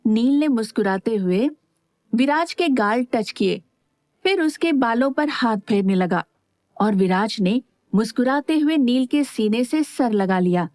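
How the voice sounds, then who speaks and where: A woman narrating a romance audio story in calm, even storytelling. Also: a little high, unhurried, no echo, studio quality. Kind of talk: scripted narration.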